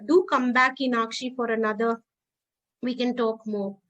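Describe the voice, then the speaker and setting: A woman with an Indian English accent hosts a podcast interview in a fairly high voice. She gives warm thanks and often repeats words as she restarts her sentences. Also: fairly even intonation, moderate pace, highs cut off. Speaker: podcast host. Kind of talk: casual interview wrap-up.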